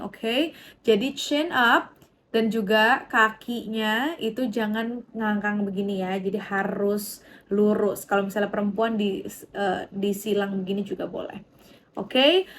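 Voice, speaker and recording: A young woman teaches an online public speaking class in a lively coaching voice, showing high, middle and low pitch as she goes. Her voice sits at a middle pitch, and a faint hiss of noise stays in the background. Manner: mixes in English terms.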